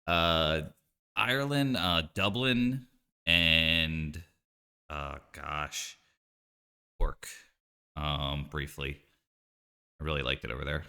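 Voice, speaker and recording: A very deep-voiced man from the United States chatting easily on a game stream, his tone bright and forceful despite the low pitch. He talks in a laid-back way, full of fillers. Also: slow pace, pauses often, clean tone. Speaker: streamer co-host. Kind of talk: casual chat while gaming.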